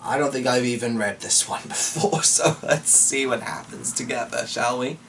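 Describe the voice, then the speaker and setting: A man with a mid-range, steady, slightly bright voice reads a folk tale aloud at a moderate pace, giving it a dramatic storybook delivery. He keeps breaking off into chatty, irreverent asides full of swearing. The mic is distant, with faint background noise.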